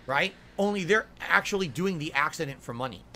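Bright, condescending man on a stream. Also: a little high, animated, fairly quick, slight background noise. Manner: condescending, lecturing. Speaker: streamer in played clips. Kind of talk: casual stream talk.

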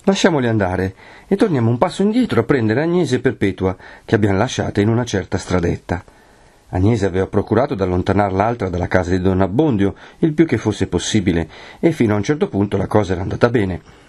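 A man from Italy reading a classic novel aloud as an expressive audiobook narrator. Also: lowish voice, fast, husky. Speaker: audiobook reader.

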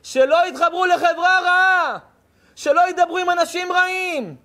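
A man's voice: very high voice, pushed and bright. A man, a rabbi, giving a sermon with emphatic, punchy repetition.

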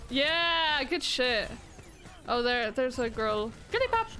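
A young woman streaming a shooter game, chatting casually, swearing and getting excited about plays. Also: on the high side, slow. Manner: excitable, swears, laughs and gasps often. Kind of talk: casual gaming chat.

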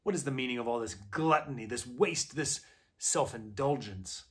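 A man's voice: medium pitch, normal speed, close to an everyday voice. A cruel, imperious witch queen from a children's storybook, as a male reader voices her. She barks out commands with cold contempt and gives orders as though no one would dare refuse. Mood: contemptuous.

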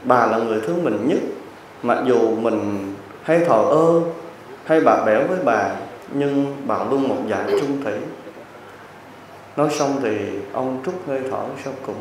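A man, a Buddhist monk giving a sermon as a lively story with jokes to the listeners. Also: medium pitch, unhurried, a little hiss or hum. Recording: very echoey hall, distant mic.

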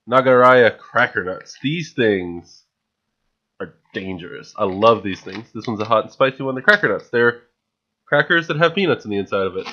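A young man wearing headphones talks into a studio mic on a stand in a small home room, enthusiastically running through his grocery haul for a vlog. He's chatty but keeps stumbling and restarting with fillers. His medium-pitched voice is a bit bright, with lo-fi sound and slight background noise.

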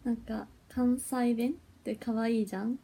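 High, breathy young woman livestreaming. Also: steady tone, normal speed, mellow. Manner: chatty and giggly, flustered when her stream freezes. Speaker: idol livestreamer. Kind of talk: casual livestream chat.

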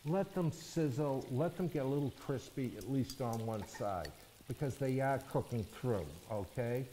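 A man's voice: mid-range voice, normal speed, mellow, slight background noise, rough recording. A middle-aged man, a chef, giving a cooking demonstration in a studio kitchen and explaining each step, often checking in with "okay?" and "all right?". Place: studio kitchen set, indoors.

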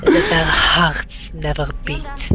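A woman's voice: low-pitched, level tone, slow, low-quality recording. A woman in game voice chat, doing joking role-play banter. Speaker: player in voice chat. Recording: game voice chat under loud music.

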